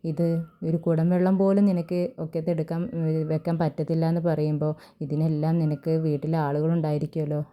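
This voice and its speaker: A fussing, scolding old grandmother, as a woman reads her lines in a story recap. The voice is low and dark, with a flat, smooth delivery. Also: natural voice. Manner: scolding and fussing, calls others by endearments. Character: bossy, doting elderly grandmother.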